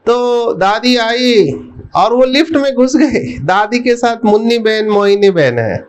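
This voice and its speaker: A man's voice: extremely high pitch, animated, slight background noise. A middle-aged man giving a spiritual talk, telling a personal story and putting questions to his listeners. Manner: slow, storytelling, addresses the audience with questions. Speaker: spiritual speaker.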